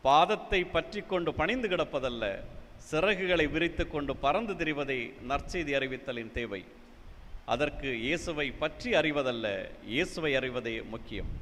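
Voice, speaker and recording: A man's voice: a little high, sharp tone. A man giving a dramatic poetry recitation with emphatic, declamatory bursts in a church hall. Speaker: poet reciting at a poetry event.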